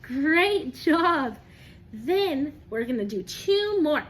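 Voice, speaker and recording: Speaking very slowly in a high, very animated voice, a woman guides young children through a lesson to camera. She explains each step simply, asks them questions, and offers praise as if hearing their answers.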